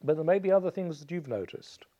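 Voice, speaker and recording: A man's voice: on the high side, lively intonation, fast talker, mellow, dull audio. A male teacher patiently explains a poem's rhythm to a student, chanting beats and counting syllables aloud.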